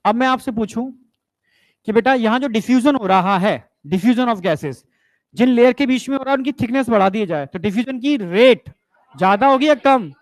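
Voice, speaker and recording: Male biology teacher, very high voice, coaxing classroom manner, dry close recording. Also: expressive, normal speed, no echo. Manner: coaxing, keeps asking if students understood; mixes English science terms into Hindi. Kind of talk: classroom lecture.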